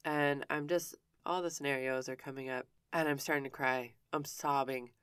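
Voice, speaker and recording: A woman's voice: a bass voice, fairly even intonation, moderate pace, a bit bright, clear, resonant tone, no room sound, clean studio sound. A woman telling a personal story in a frank, conversational way, often stopping and restarting her sentences. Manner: candid, frank with casual swearing; self-interrupting with frequent restarts.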